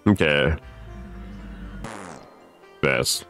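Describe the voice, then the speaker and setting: A man's voice: very deep voice, animated, drawn-out words, bright, forceful tone, soft background music. A young man casually playing a horror game on stream, reading its instructions aloud, swearing and laughing nervously. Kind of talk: casual let's play commentary.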